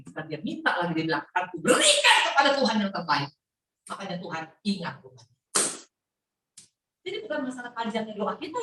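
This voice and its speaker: A middle-aged woman preaching an animated, playful sermon to a women's Bible class, mixing in English words. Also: mid-range voice. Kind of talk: lively sermon. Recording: echoey hall, voice from a distance.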